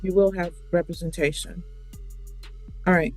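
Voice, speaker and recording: A judge speaking in a measured, matter-of-fact way during a court hearing. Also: medium pitch, little pitch movement, a little mellow, dry recording, faint music behind.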